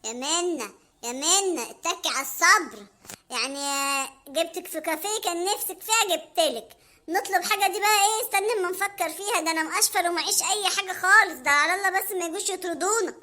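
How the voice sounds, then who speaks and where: A woman voicing a broke, scheming, nervous young man, speaking with an Egyptian accent in an anxious, low mumble. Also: fast talker, sharp tone. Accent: Egyptian Arabic.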